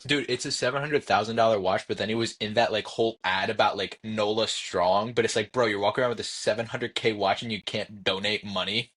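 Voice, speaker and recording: Husky-voiced young man, excitable chatter. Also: fairly low pitch, a little fast, few pauses. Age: 20s. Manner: excitable, tripping over restarts. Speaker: podcast guest, football fan. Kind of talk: casual podcast chat.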